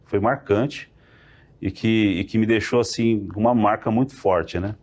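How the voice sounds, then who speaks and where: Man, lowish voice, animated testimony, acts out dialogue. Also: measured pace. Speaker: podcast guest. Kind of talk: testimony storytelling.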